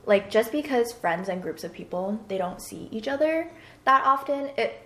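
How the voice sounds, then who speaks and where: A woman's voice: a little high, expressive, normal speed, fairly bright tone. A young woman in her twenties, co-hosting a podcast in casual chat and filling her talk with frequent fillers. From Hong Kong. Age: 20s. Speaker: podcast co-host. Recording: roomy echo.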